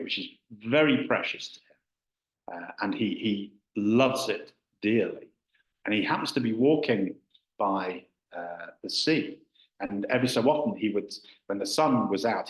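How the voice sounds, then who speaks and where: Buddhist teacher guy, low voice, lots of uhs, echoey hall. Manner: hesitant, full of uh fillers and restarts. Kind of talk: dharma talk.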